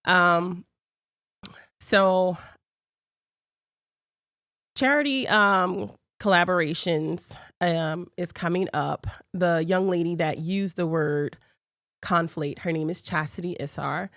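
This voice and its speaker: A congested woman hosts her talk show in a casual, chatty way. Her voice sits low and the sound is dry and close. She talks straight to her viewers. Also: slow, pauses often, a bit bright, dry recording. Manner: chatty, addresses viewers directly.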